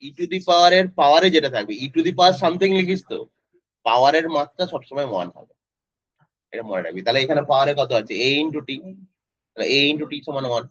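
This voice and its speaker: A man's voice: fairly high pitch, lively intonation, fairly quick, a bit bright, no echo. A male physics tutor, teaching an online class in a casual way and quizzing students by name. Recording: dry, slightly dull lo-fi audio.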